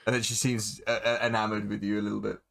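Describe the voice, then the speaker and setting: A man narrating a tabletop game as game master, describing scenes haltingly with many fillers. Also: fairly low pitch, little pitch movement, creaky, a bit bright.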